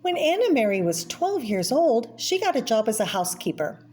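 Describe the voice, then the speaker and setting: Her voice is fairly high and a little mellow, swinging widely in pitch at a moderate pace as she reads a picture book to children. She describes the illustrations and turns to the listener with little questions and asides, over clear background noise.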